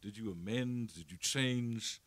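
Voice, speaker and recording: A man's voice: on the low side, measured pace, dry recording. A man moderating a panel discussion, stammering with repeated words as he starts his questions.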